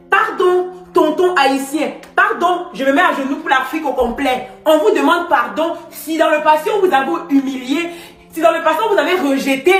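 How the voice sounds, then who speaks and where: High-voiced effusive woman in echoey room. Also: fairly bright tone. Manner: emphatic, pleading, effusive. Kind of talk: excited live stream commentary.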